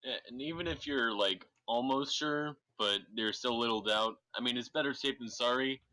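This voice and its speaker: A man's voice: medium pitch, normal speed, sharp tone, no room sound, rough recording. A man talking casually in a group voice chat.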